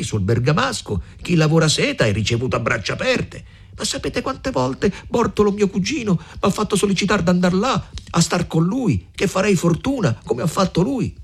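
An earnest young peasant man in love, as a male reader puts him on, eager and pleading. His voice is husky and breathy and climbs high in lively swoops. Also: full character voice. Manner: eager, pleading, raised pitch. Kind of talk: audiobook reading.

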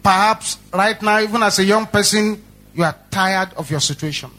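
High, bright-voiced Nigerian preacher. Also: male voice, normal speed. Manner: animated storytelling with repetition. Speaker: pastor. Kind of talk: sermon.

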